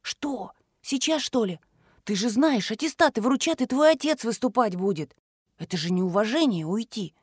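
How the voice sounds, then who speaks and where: A woman reading an audiobook voices a fierce, scornful teenage girl who hisses and shouts in sharp indignation. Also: fairly high pitch, lively intonation, moderate pace, breathy edge, dry recording, studio quality. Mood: startled. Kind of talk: audiobook character voice.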